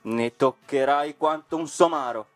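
A man's voice: mid-range voice, measured pace, dry recording, soft background music, voice pushed up, close to an everyday voice. Male reader as threatening schoolboy gang, taunting, storybook. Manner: threatening, scornful. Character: gang of rowdy schoolboy bullies. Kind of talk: storybook reading.

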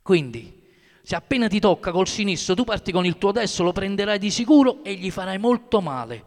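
A gruff middle-aged boxing coach barks short instructions, as a male reader puts him on. The voice sits high for a man. A long reverb hangs behind him, as in a large hall, which suits a storybook reading. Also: expressive, brisk. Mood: reassuring. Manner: curt, barking instructions.

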